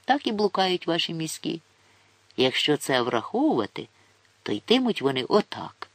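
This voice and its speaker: A man voicing a gruff, mocking older forester who looks down on city folk. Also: on the high side, big pitch swings, moderate pace, a bit bright, dry recording, pitched above the performer's own voice, exaggerated voice. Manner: grumbling, scornful, folksy.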